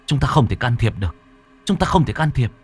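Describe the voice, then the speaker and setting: A man voicing a tense young man who hisses urgent calming words through clenched teeth. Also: mid-range voice, brisk, breathy edge, soft background music.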